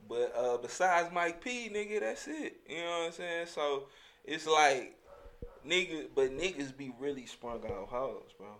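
A man's voice: on the high side, lively intonation, a little slow, fairly bright tone, slight background noise. A man hosting a casual podcast conversation, talking in heavily slangy, profane street language. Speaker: podcast host.

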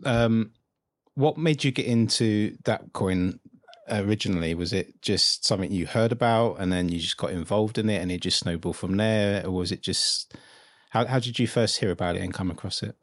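A man's voice: fairly low pitch, normal speed, dry recording. A man co-hosting a podcast, asking long, rambling follow-up questions. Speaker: podcast co-host. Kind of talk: casual interview chat.

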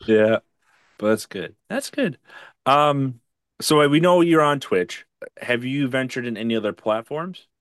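A man's voice: mid-range voice, expressive, unhurried, fairly bright tone, clear, resonant tone, no echo, clean studio sound. A man hosting a casual podcast interview, talking in a chatty, enthusiastic way. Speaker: podcast host.

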